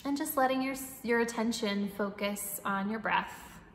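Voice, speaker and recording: A woman leading a guided breathwork meditation in a soothing, instructing manner, with long pauses and audible breathing and sighs. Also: fairly high pitch. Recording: echoey reverberant room, faint background noise.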